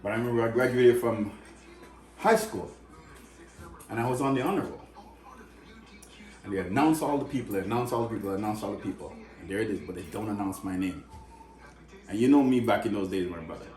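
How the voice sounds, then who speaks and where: A man's voice: fairly low pitch, a little fast, long pauses, soft background music. A man from Canada telling an emotional personal story in casual conversation, acting out the voices of people in it. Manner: emotional, animated, acts out quoted voices. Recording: echoey room.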